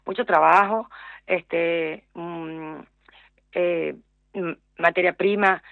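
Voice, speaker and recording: A middle-aged woman with a Venezuelan accent joins a radio interview as a guest; she owns a small business. Her fairly low, steady voice drags out words, and she speaks hesitantly, full of fillers and repetitions. The phone line sounds dry and tinny, with no room sound.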